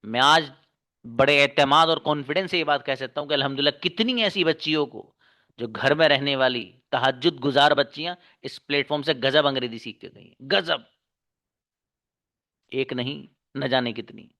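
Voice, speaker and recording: A man's voice: medium pitch, moderate pace, bright, forceful tone. A man teaching an online English class, talking earnestly and coaxingly to his students, calling them brother and daughter. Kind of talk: motivational talk to students. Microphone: online class mic.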